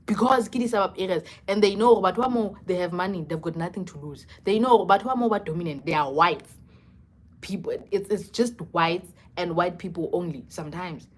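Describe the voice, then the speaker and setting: A woman's voice: lowish voice, a little fast. South African woman in casual live chat. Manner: code-switching between English and South African languages; expressive, conversational. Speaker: livestreamer chatting with commenters.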